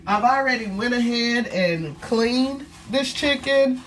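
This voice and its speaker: She speaks slowly in a fairly high voice, nasal and blocked up with a cold. This home cooking vlogger keeps up casual chatter aimed right at her audience as she prepares food.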